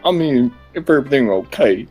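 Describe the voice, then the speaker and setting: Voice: medium pitch, lively intonation, quick pace, darkish tone, breathy edge, soft background music. A player reading aloud the lines of a cheerful teenage girl club president from a visual novel. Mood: musing.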